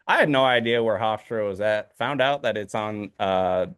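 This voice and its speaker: A man's voice: fairly low pitch, moderate pace, fairly bright tone, smooth, no echo, studio quality. Rambling man on a podcast. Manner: rambling, many ums and uhs. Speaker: podcast co-host. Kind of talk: casual chat.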